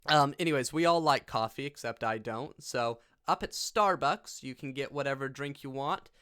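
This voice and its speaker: A man's voice: mid-range voice, normal speed, a bit bright, clean tone. A man hosting a casual reaction vlog, talking in a goofy, rambling way. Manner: goofy and rambling, laughs often. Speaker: YouTuber.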